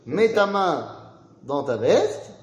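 A man leads a Torah study session in a roomy, echoing space. His voice sits a bit high, and he keeps tossing questions at the group. He slips into the voices of the figures he quotes. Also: very animated, takes it slowly. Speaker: Torah teacher. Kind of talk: interactive Torah class.

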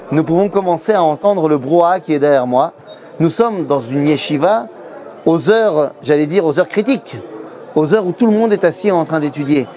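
A middle-aged man giving a lively Torah lesson to camera in a busy yeshiva study hall, telling it like a story. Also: a little high. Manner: lively storyteller, acts out quoted voices. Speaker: Torah teacher.

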